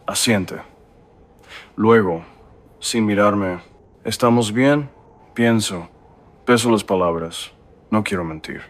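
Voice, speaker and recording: A man narrating a first-person story in a calm, reflective way. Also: on the low side, slow, long pauses.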